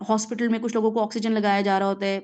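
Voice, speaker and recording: A woman's voice: medium pitch, little pitch movement, a little mellow, smooth. A woman with a Pakistani Urdu accent teaching a Quran reflection lesson, explaining word by word, mixing in English words and often checking in with her listeners.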